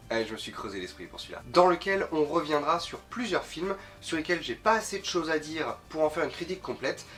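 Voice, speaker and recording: A man's voice: fairly high pitch, a bit bright. A man with a nasal, sniffly voice from a slight cold, giving an informal, rambling film review as host, often stumbling and repeating words. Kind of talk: casual film review talk to camera.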